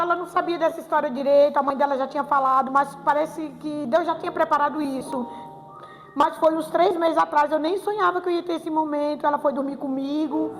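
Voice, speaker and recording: An older woman giving an emotional church testimony, often repeating her phrases and pleading to God. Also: high voice. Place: church hall with music behind. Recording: long reverb of a church hall.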